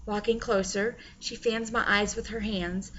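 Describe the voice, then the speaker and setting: A woman narrating an audiobook in the first person in a wry, expressive way. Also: medium pitch, unhurried, highs cut off, slight background noise.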